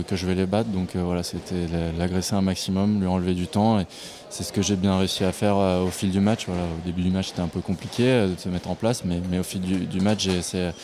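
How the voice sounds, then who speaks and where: Low-voiced Parisian man, relaxed. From Paris, France. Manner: relaxed, many hesitations and fillers. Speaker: tennis player. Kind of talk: post-match interview.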